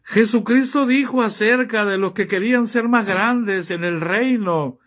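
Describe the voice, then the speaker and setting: A man's voice: sits high, a little slow, fairly bright tone. A man preaching a sermon, reading scripture aloud and pressing his listeners with rhetorical questions. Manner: reads scripture aloud and comments on it.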